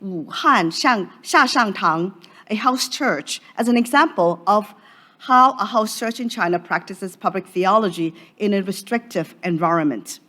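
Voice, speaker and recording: A woman from Hong Kong presenting an academic paper at a conference in a measured, formal way. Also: mid-range voice, bright, forceful tone. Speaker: conference speaker. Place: conference session room.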